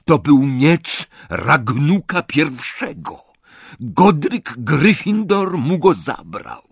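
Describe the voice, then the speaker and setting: Read by a man, a haughty goblin speaks in slow, clipped, deliberate words, raised above the reader's usual voice. The delivery is very dry, with no room sound. His tone is cold and unbending, like a storybook creature bargaining hard. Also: on the high side, very animated, gravelly, breathy edge, dry recording, pitched above the performer's own voice, heavily acted. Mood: indignant. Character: stern proud male goblin, cold and haughty.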